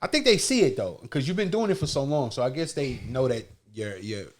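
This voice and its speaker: A man with a Queens, New York accent trades casual banter as a podcast co-host. His talk is full of slang, playful and boastful, in an average-pitched voice. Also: big pitch swings, a little fast.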